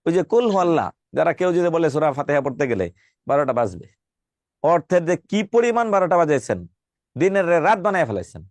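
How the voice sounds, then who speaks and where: A man teaching a classroom lecture, emphatic and repeating key points, spelling words out slowly. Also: on the high side, sing-song, no echo. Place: classroom with students.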